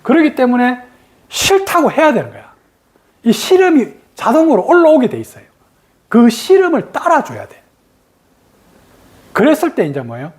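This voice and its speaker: A woman meditation teacher gives a dharma talk and acts out the ego's sudden refusals in a lively way. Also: high-pitched, moderate pace, long pauses.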